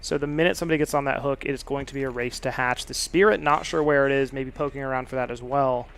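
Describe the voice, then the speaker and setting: A man giving steady play-by-play commentary on a video game match, with frequent fillers. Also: medium pitch, quick pace, vocal fry, clear, resonant tone. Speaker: esports caster.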